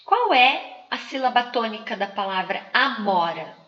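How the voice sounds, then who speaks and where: A woman giving a slide lecture to teachers, speaking in a slow, didactic way and drawing out example words. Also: fairly high pitch, very animated. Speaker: teacher trainer. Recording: muffled, echoey room.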